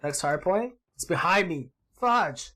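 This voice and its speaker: A man hosting his gaming channel, giving excitable gameplay commentary, yelping and groaning at the action and swapping in mild words for swearing. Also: fairly high pitch, measured pace, faint music behind. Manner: excitable, yelps and groans at the game.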